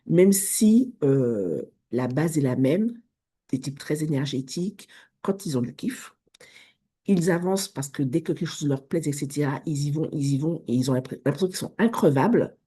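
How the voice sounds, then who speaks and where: A woman's voice: sits low, animated, moderate pace, warm tone, husky. A woman in her thirties with an English accent, a chatty vlogger who talks straight to her viewers and often restarts her words. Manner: chatty, addresses viewer as tu, self-correcting restarts. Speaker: vlogger, business coach. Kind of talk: casual direct-to-camera talk.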